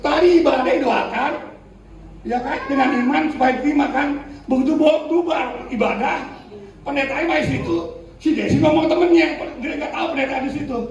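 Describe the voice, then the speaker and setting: A male pastor preaching in a lively, colloquial way, slipping into slang and acting out the people he quotes. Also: very high-pitched, a little fast, lo-fi sound. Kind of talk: sermon. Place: church hall. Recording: echoey church hall, distant mic, faint noise.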